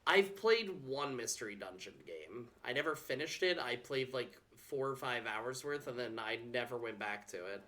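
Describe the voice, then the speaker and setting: A man's voice: medium pitch, lively intonation, normal speed, few pauses, pushed and bright. Chatty man streaming a game. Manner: chatty, joking with chat, reading messages aloud. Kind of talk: casual live gameplay chat.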